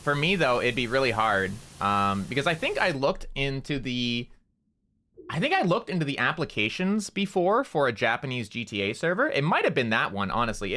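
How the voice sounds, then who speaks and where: Streaming as he plays, a male VTuber rambles casually and leans heavily on "like" as a filler. He speaks at normal speed in a medium-pitched voice with big pitch swings and a bright, forceful tone.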